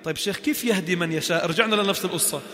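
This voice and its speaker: A man with a Levantine Arabic accent teaching a mosque class, lively, acting out little scenes and quizzing his students. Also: high voice, very fast. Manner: animated, acts out little scenes and asks the class questions. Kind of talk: classroom religious lesson. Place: large echoey mosque hall. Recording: roomy hall reverb.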